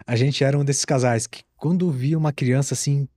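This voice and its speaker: A man hosting a podcast, telling a personal story in a relaxed, chatty way. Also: mid-range voice, a little fast, dry recording, studio quality. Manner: relaxed storytelling with fillers and restarts. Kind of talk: casual podcast chat.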